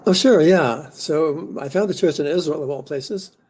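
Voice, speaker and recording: An older man from the Netherlands and New Zealand, a guest scholar recounting his personal story in an interview, reflective and pausing often. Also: fairly high pitch, darkish tone. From born in the Netherlands, raised in New Zealand. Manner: reflective, unhurried, with frequent pauses and fillers.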